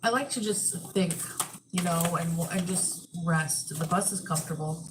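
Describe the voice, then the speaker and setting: A woman with a slightly low voice chats casually to her audience, rambling through a personal story and acting out little exchanges. Faint noise and small clicks sit behind her. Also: moderate pace. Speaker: video host telling a travel story.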